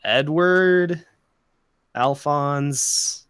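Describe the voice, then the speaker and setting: A man's voice: a little high, drawn-out words, fairly bright tone, smooth, no room sound. A young man co-hosting a podcast, chatting casually, rambling, swearing a lot and laughing often. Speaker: podcast co-host. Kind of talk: casual chat.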